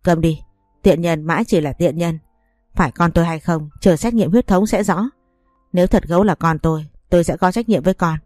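Brief: a woman reading as a furious scolding husband, mellow low voice, dry sound. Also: fairly quick, no echo, faint music behind, close to an everyday voice. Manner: scolding, cursing. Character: furious young husband, bitter and harsh.

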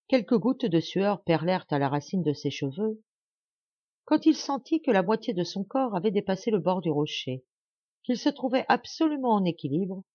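A woman narrating an audiobook of a classic novel with an expressive, dramatic reading. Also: mid-range voice, no room sound, highs cut off.

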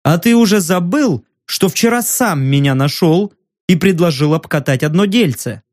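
A man voicing a smug, menacing former dockworker in an audiobook, taunting slowly and slyly. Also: high-pitched, expressive, a little mellow, no room sound, studio quality. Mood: mocking. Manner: slow, taunting and sly. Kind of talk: audiobook narration.

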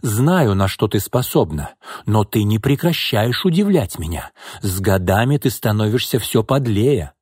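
A man voicing a feisty old woman servant who talks loudly and bluntly, scolding. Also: lowish voice, animated, unhurried, hardly any pauses, slightly rough, dry recording, studio quality. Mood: stern accusing.

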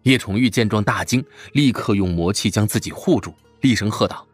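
A man narrating a fantasy web novel in an expressive storytelling style. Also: lowish voice, fairly quick, breathy edge, dry recording, soft background music. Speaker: audiobook narrator.

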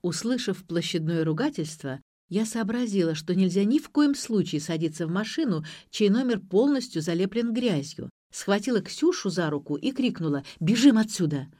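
Woman narrator, audiobook, ironic first-person telling, mid pitch, dry close sound. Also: animated, moderate pace, few pauses, mellow, dry recording.

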